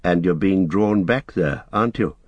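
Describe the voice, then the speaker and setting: A man voicing a calm, stern traveller who speaks with quiet, measured authority in an audiobook. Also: low voice, husky, no room sound, dull audio. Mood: insistent.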